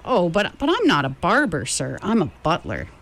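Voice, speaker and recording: A correct, courteous manservant, as a woman reading aloud plays him, speaking in a formal, measured way. His voice sits fairly low for a woman but moves with plenty of lift, like a storybook butler. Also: huge pitch swings, vocal fry, heavily acted. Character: polite, proper adult male butler.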